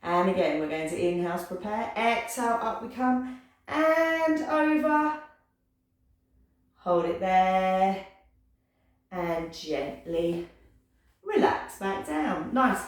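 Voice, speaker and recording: A woman leading a pilates class, giving calm, encouraging cues and counting down holds. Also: a little high. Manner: encouraging, gentle cueing, counts down aloud. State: slightly out of breath at times. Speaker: pilates instructor. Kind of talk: guided exercise class instruction. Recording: echoey room, voice from a distance.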